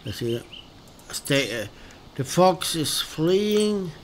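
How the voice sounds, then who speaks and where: A man from northern Sweden with a Swedish accent, commenting on his gameplay in a relaxed, hesitant, musing way with many pauses and restarts. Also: fairly high pitch, slight background noise. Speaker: gaming video host. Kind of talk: relaxed let's-play commentary.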